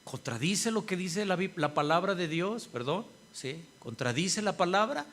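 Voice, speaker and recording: A man preaches to his congregation in a fairly high voice. He often asks them "¿sí?" and slips into the voices of the people he quotes. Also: lively intonation, normal speed, a bit bright. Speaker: pastor. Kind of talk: sermon.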